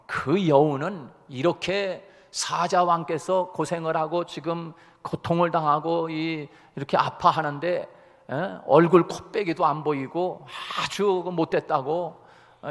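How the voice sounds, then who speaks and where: Pastor doing a sly male wolf, oily and ingratiating, murmured low and soft in a sermon fable, with a long echo rolling through a church hall. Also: a little slow. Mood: scheming. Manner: fawning, low and hushed. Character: flattering scheming male wolf courtier. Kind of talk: sermon storytelling.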